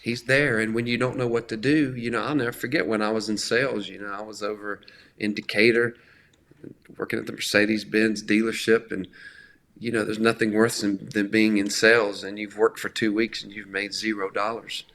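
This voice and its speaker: A middle-aged man giving an earnest, conversational talk on faith, slowing down to stress key words. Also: on the low side, flat delivery, fairly bright tone. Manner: earnest, emphatic, often slows for stress. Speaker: faith speaker.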